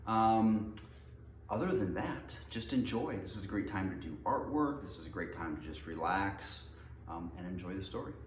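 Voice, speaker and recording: In an echoey room with faint noise, a man with a low voice reads a storybook aloud at normal speed, expressive but informal and unpolished. As the read-aloud's host, he begins with a casual introduction.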